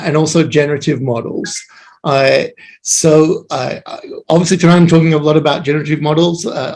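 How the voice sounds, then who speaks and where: A man giving an online meetup talk, speaking haltingly with many fillers and restarts. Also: fairly high pitch, darkish tone. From Australia. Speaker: guest speaker.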